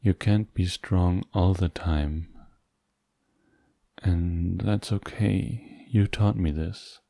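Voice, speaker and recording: Man acting a deep, hushed, intimate boyfriend, ASMR role-play. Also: fairly even intonation, vocal fry, no room sound, clean studio sound, heavily acted. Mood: reassuring. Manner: slow, halting, gentle, intimate. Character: tender, hurt, devoted boyfriend comforting a partner.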